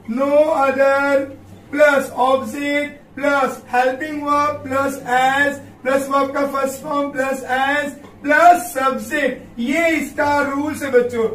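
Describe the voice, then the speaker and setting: A man's voice: very high voice, fairly bright tone. A male grammar teacher, giving a classroom-style lesson, repeatedly calling his students kids and answering his own questions. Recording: echoey room, voice far from mic, faint background noise.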